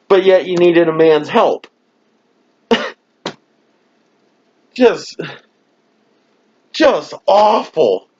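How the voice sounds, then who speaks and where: Exasperated, foul-mouthed man ranting slowly. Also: high voice, expressive, muffled recording, slight background noise. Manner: exasperated, swears constantly, mocking laughs. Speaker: wrestling show reviewer. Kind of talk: profane ranting review. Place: home room.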